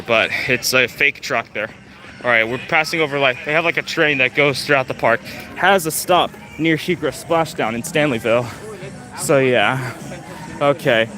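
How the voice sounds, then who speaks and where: Young man, fairly high voice, rambling live walk-through of a theme park on a phone, loud park music playing behind. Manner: rambling, chatty, lots of fillers. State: out of breath. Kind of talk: casual live walkthrough commentary.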